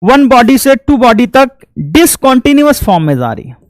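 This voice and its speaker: A man's voice: extremely high pitch, very animated, moderate pace, no echo. A man teaching a physics lecture in a homely, folksy way, asking each point back as a question and answering it himself. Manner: homely, folksy explanations with sound effects. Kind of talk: classroom lecture.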